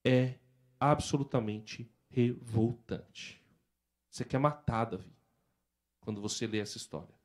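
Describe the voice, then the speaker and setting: A man's voice: mid-range voice, a little slow, pauses often. A man with a Brazilian accent preaching a sermon as pastor, retelling scenes vividly in everyday speech.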